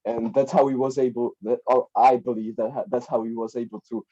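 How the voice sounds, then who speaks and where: A young adult man from the Czech Republic chats casually as a podcast's guest life coach, rambling with repeats and many fillers like "like" and "right?". He speaks a little fast in a steady, medium-pitched, dark voice with a breathy edge, and the recording is dull lo-fi.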